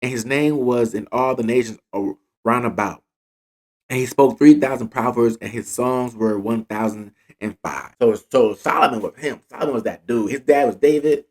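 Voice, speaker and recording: A man casually retelling Bible stories and reading scripture, with slang asides and lively delivery. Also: medium pitch, moderate pace. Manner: animated retelling in slang, acting out quotes. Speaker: Bible teacher.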